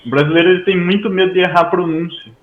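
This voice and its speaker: A man's voice: sits high, fairly even intonation, racing, roomy sound, narrow, tinny audio. A Brazilian man, a Hebrew teacher, chatting as a guest and ending almost every sentence with a questioning tag. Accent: Brazilian Portuguese. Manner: tags most sentences with "né?". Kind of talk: casual interview chat.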